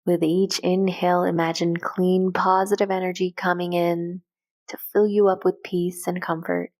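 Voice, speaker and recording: Calm and gentle, a slightly low-voiced woman talks listeners through a guided meditation. Each soft instruction is a short, measured phrase, and her pace is never hurried.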